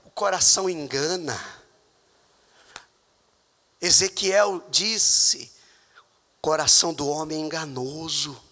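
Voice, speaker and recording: A man with a Brazilian Portuguese accent preaching a sermon as pastor in a church, with emphatic, sudden loud high outbursts. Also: slow, pauses often, long reverb tail. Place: church hall.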